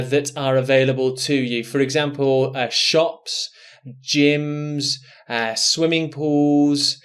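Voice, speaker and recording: A man's voice: mid-range voice, clean tone. A man teaching an exam speaking lesson, thinking aloud as he writes out model answers. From England. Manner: slow, deliberate, thinking aloud while writing. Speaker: English test teacher. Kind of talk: recorded online lesson.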